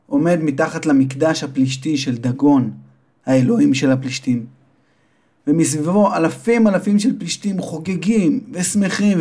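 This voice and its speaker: A male storyteller greeting children and narrating a Bible tale. His voice sits fairly high and stretches out on the dramatic moments. He talks to the kids in a friendly, vivid way. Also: slightly rough. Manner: warm, expressive, slows for drama.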